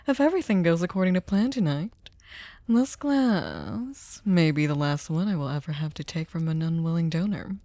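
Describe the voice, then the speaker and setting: A woman plays a possessive, sadistic female vampire in an intimate ASMR drama. Her voice is lowish and mellow, recorded close and dry. She speaks with silky, courtly politeness, teasing and coaxing, often dropping into a breathy whisper. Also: animated, normal speed, no room sound. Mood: teasing, menacing. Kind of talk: scripted ASMR roleplay, intimate dramatic monologue.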